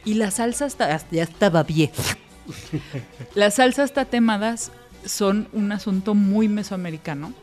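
A woman's voice: mid-range voice, normal speed, darkish tone, faint music behind. A woman with a Mexican accent hosting a podcast in casual chat, emphatic and swearing freely. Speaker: podcast host.

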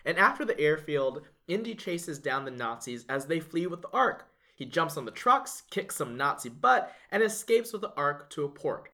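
A man's voice: on the high side, big pitch swings, moderate pace, few pauses, bright, forceful tone. A man co-hosting a casual legal podcast, recapping a movie plot with enthusiastic build-up. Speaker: podcast co-host, lawyer.

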